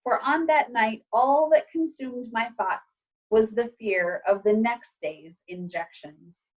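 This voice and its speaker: Like a teacher reading to a class, a woman delivers a children's storybook expressively and with clear phrasing. Her voice is fairly high-pitched, and the highs are cut off.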